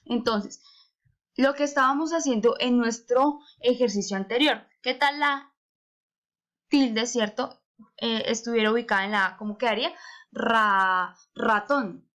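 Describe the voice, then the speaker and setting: A woman's voice: a little high, normal speed, a bit bright. A woman teaching a remote lesson to young children, patiently asking rhetorical questions and drawing out words to stress their syllables. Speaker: primary school teacher.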